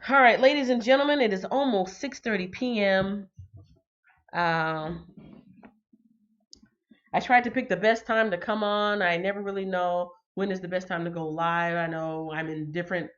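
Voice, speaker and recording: At a medium pitch and moderate pace, a slightly congested woman hosts a relaxed livestream in a muffled recording. She's chatty, reads her viewers' comments out loud, and fills pauses with lots of ums.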